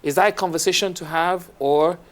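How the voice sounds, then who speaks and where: Nigerian man, TV host, slightly high voice, animated questioning, studio talk. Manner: animated, questioning, with halting restarts. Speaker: TV morning show host. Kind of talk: studio discussion.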